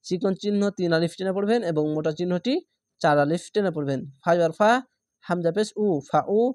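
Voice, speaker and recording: Male Quran tutor, dry close sound, letter-by-letter spelling, slow drawn-out recitation. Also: sits high, a little mellow, dry recording. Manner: spells letters then draws out the whole word slowly. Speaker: Quran reading teacher.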